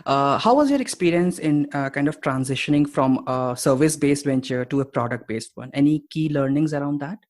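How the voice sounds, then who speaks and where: A man's voice: fairly high pitch, lively intonation, a little fast, hardly any pauses. A man hosting a podcast interview over a remote call, reading an introduction and asking short questions. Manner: scripted intro, then short prompts and questions. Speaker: podcast host.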